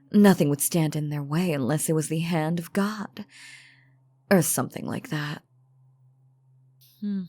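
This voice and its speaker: This woman performs a full character voice as a poised, threatening vampire aristocrat in a scripted audio drama, mocking and talking down to others in refined, formal language. Her voice sits low, with no echo in the recording.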